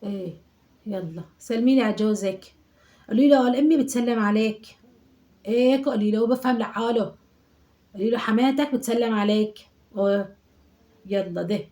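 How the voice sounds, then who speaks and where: A woman's voice: fairly high pitch, a little fast, long pauses, mellow, close to an everyday voice. A woman voicing a chatty, nagging older mother in her sixties from Aleppo, with an Aleppo Syrian Arabic accent, scolding and muttering prayers. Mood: fussing. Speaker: sketch performer. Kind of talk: comic monologue sketch.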